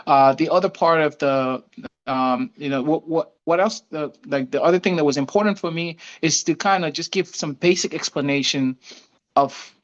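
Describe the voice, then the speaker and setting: Man from Senegal, smooth voice, dull audio. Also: fairly high pitch, normal speed. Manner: earnest, personal, frequent fillers. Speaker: author and guest. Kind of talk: online interview.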